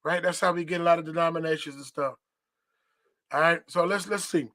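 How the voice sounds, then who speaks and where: Hosting a religious podcast, a man teaches in a preachy, repetitive way, reading dictionary definitions aloud and tagging his points with "right?". His voice sits on the high side, steady, brisk, pushed and bright, in a dry recording.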